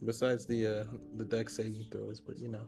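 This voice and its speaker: A man's voice: on the low side, completely flat delivery, fairly quick, creaky. A man playing in a tabletop game, joking and playfully petty. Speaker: player. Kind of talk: casual tabletop game chat. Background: background music.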